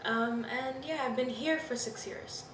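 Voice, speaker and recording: A woman in her twenties, from Pakistan, recalls personal experiences in a candid and reflective interview, with plenty of "you know" and "I mean." Her pitch is fairly high and her pace a little slow, and the distant mic picks up a roomy space and background noise.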